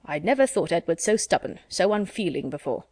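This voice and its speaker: A woman voicing a pompous, self-satisfied middle-aged gentleman in a storybook reading, measured and formal. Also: lowish voice, sing-song, no echo, clean studio sound.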